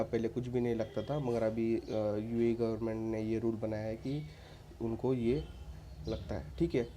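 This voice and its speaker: Man vlogger, warm mellow voice, chatty and insistent, faint hiss behind. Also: mid-range voice. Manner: informal, repeats "ठीक है" as a tag, frequent restarts; earnest and insistent, addresses viewers as friends. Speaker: vlogger giving visa advice. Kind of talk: casual advice talk to camera.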